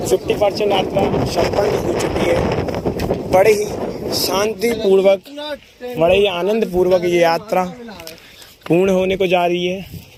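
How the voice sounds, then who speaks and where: A man's voice: sits high, little pitch movement, a little slow, pauses often, noisy background. A man narrating a devotional pilgrimage vlog outdoors on a mountain trail, leading call-and-response chants. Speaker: pilgrimage vlogger. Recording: crowd of pilgrims around.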